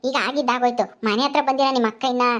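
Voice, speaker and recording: A woman voicing a calm older mother-in-law who soothes and gently scolds in a family drama skit. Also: on the high side, racing, natural voice. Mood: soothing.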